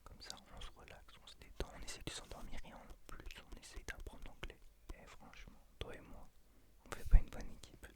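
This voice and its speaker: A man in his late twenties speaking in an unvoiced library whisper, an ASMR whispered role-play, hesitant and intimate as he addresses the listener. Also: brisk. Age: late 20s. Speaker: ASMR creator and host.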